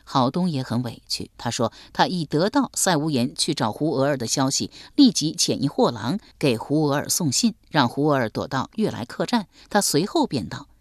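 A woman narrating a historical novel aloud in an expressive storytelling voice. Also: sits low, moderate pace, hardly any pauses, dry recording, clean studio sound. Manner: expressive, shifting voices for characters.

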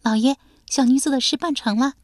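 A woman's voice: high voice, brisk, darkish tone, no echo, studio quality, pitched above the performer's own voice, natural voice. A woman voicing a humble young woman who speaks meekly and tearfully. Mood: glad, grateful. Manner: meek, self-effacing, calls herself 小女子.

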